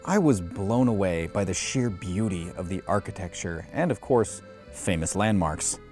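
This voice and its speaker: A man's voice: low-pitched, animated, moderate pace, a little mellow, faint music behind. A man hosting a travel show, reading scripted voice-over with dry, tongue-in-cheek humor. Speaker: host and narrator.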